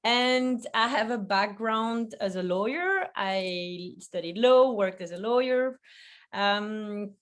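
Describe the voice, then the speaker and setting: A woman's voice: medium pitch, takes it slowly. Chatty Belgian woman from a video call. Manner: chatty, laughs often, many restarts. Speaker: guest, food photographer. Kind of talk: casual interview conversation.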